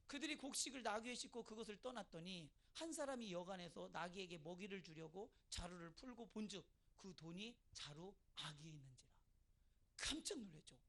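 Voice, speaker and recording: A pastor preaching an evening sermon in a church, in a lively conversational style with frequent calls of amen. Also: male voice, high voice. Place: church sanctuary.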